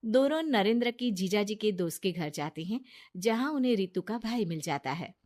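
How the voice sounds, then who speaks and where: A woman narrating a cartoon story in a plain, even way. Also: mid-range voice, moderate pace.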